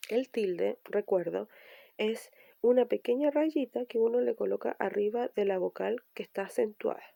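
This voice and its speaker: A woman teacher walks pupils through spelling rules, restating each point patiently. Her voice is gravelly and darkly mellow. The recording is dry and close. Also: medium pitch, normal speed, no echo. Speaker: primary school teacher. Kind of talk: recorded remote language lesson.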